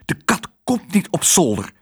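A man doing a shrill bossy old mouse lady. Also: wildly swooping pitch, slow pace, slightly rough, no room sound, studio quality, full character voice. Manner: sharp and scolding.

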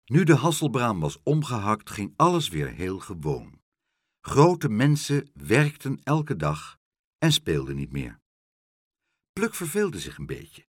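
A man narrating a children's storybook, expressive and animated, close to the mic. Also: lowish voice, slow, slightly rough, no echo.

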